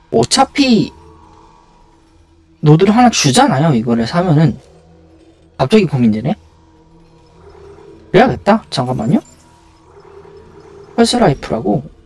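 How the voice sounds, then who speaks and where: A man's voice: fairly high pitch, very animated, measured pace, gravelly, pauses often, a little mellow, faint music behind. A man giving casual live video game commentary, muttering and thinking aloud to himself as he plays.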